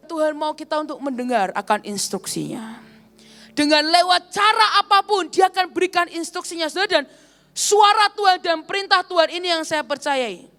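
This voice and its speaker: A woman's voice: very high-pitched, a bit bright. A woman evangelist preaching a sermon at a church service, telling a story and often addressing the congregation directly.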